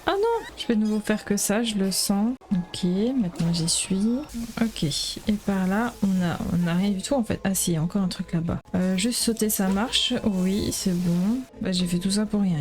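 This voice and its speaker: A woman giving casual gameplay commentary as host of her let's play, chatty and quick to exclaim when things go wrong. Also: mid-range voice, a little mellow. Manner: chatty, exclaiming at the game, fillers.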